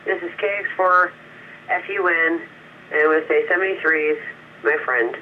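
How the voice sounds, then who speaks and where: A woman's voice: deep voice, moderate pace. Woman on a thin, tinny ham radio. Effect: heard over a ham radio transmission with static. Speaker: ham radio operator checking in. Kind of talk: brief radio sign-off. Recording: tinny radio transmission, faint static.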